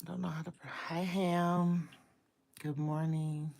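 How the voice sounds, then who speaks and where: A woman's voice: deep voice, little pitch movement, a little slow, gravelly, darkish tone. A woman hosting a casual live stream, venting her frustration, repeating her greetings and complaints and swearing freely.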